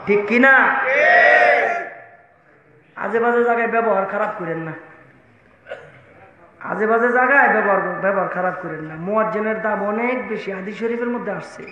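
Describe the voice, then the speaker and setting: Male Bangladeshi-accented waz preacher, very high and piercing, shouts and chants, echoey lo-fi hall sound. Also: normal speed, long pauses. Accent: colloquial Bangladeshi Bengali. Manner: shouts to the crowd and breaks into sung chanting. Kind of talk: Bengali waz sermon. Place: stage at a religious gathering.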